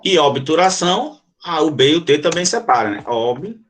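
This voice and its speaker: A man's voice: fairly high pitch, lively intonation, fairly quick, a bit bright. A Brazilian man teaching an online grammar lesson, explaining step by step and asking the class questions. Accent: Brazilian Portuguese.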